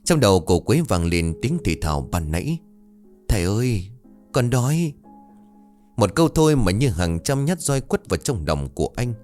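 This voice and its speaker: A man narrating a scripted ghost story in a dramatic, expressive way. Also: low-pitched, brisk, few pauses, soft background music.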